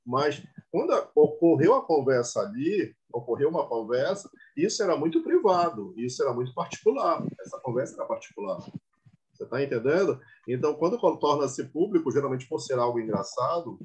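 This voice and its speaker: Man, Brazilian accent, online lecture, repeats points, keeps asking students to confirm, mid-pitched voice. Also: very animated, a little fast, a little mellow. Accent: Brazilian Portuguese. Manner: repetitive, asks students for confirmation often. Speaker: teacher.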